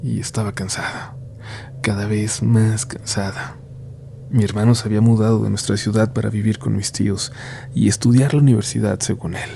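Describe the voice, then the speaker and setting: Low, gravelly Mexican horror narrator. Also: male voice, level tone, normal speed, a little hiss or hum. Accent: Mexican Spanish. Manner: grave, suspenseful, hushed horror-narrator delivery. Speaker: horror story podcast host and narrator.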